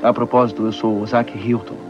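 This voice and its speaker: A man's voice: fairly low pitch, level tone, a little fast, music in the background, lightly acted. Male dub actor: wry middle-aged writer, joking, muffled film sound. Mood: calm. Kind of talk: Brazilian Portuguese film dubbing.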